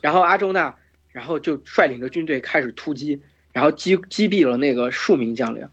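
Hoarse guy telling a long story, lots of ums and restarts, husky, kinda muffled recording. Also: a little high, expressive, a little fast, fairly bright tone. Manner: rambling with many fillers and restarts. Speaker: podcast host retelling myths. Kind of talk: casual storytelling chat. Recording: dull lo-fi podcast recording with faint music.

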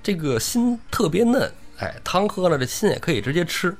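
一位男性播客主持人在说书中扮演一个嗜血的男性山贼喽啰，语气热切兴奋，乐于谈论挖心做汤。. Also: male voice, high-pitched, sing-song, normal speed, pitched above the performer's own voice. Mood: gleeful. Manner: eager, gleeful about cooking hearts. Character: shrill bloodthirsty male bandit lackey.

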